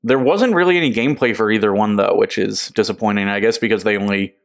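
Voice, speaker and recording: A man co-hosting a laid-back gaming podcast. His voice sits a little low, and his talk is loose and chatty, broken up by frequent laughter. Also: fast, vocal fry. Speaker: podcast co-host. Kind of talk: casual podcast chat.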